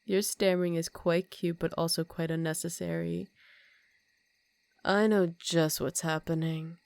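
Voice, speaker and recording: A woman playing an ancient, aristocratic vampire countess in an intimate ASMR roleplay, speaking softly and formally with a teasing, condescending manner and some whispered phrases. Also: fairly low pitch, fairly even intonation, measured pace, vocal fry, smooth, no room sound. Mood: quietly menacing.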